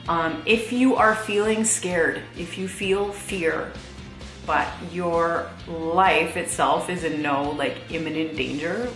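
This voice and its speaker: A woman's voice: lowish voice, a bit bright, roomy sound. A thirty-year-old woman vlogging in a chatty, casual way, laughing often and using lots of fillers. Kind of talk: casual chat to camera.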